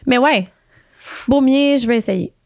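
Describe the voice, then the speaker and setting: Young Quebec French woman, quick playful co-host, slightly high voice, dry studio sound. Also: creaky, no room sound. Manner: fast, playful, laughing often. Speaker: podcast co-host. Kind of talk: casual chat.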